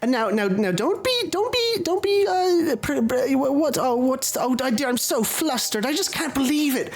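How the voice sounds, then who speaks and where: Brief: man plays flustered halfling mother, high, stammering, doting. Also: animated, normal speed, faint music behind.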